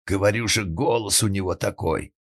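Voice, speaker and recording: A man voicing a gruff, crude old organ-grinder father with a wooden leg who grumbles bluntly. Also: deep voice, normal speed, voice pushed up. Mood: grumbling.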